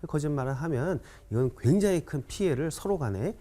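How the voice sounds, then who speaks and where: A man teaching an English writing lesson in a chatty lecture style, often checking in with viewers and reading example sentences slowly. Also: fairly high pitch, animated, warm tone.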